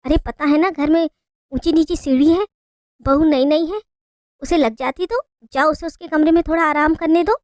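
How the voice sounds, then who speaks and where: A woman's voice: high voice, moderate pace, darkish tone, no room sound, clean studio sound, natural voice. A woman voicing a protective elderly father-in-law who speaks with anxious concern in a storybook tale.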